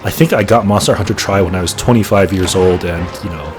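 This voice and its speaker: A man's voice: sits low, fast, music in the background. A man in his late thirties chatting casually as he plays, rambling and correcting himself as he goes. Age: late 30s. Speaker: gaming channel host. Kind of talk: casual gameplay commentary.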